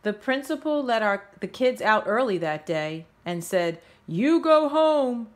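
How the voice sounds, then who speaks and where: A woman with a mid-range voice reads a rhyming children's story aloud. As a storybook reader, she narrates in a measured, expressive way.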